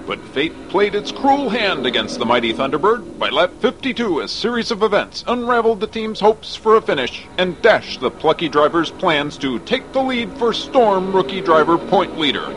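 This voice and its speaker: A man's voice: high-pitched, big pitch swings, moderate pace, hardly any pauses, background noise. A man giving an earnest, mock-serious sports news report as announcer.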